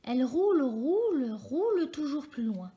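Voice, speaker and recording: Lady reading a kids tale out loud, high voice, lively and expressive. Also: measured pace. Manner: lively, expressive read-aloud. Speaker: storyteller. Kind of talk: children's story reading.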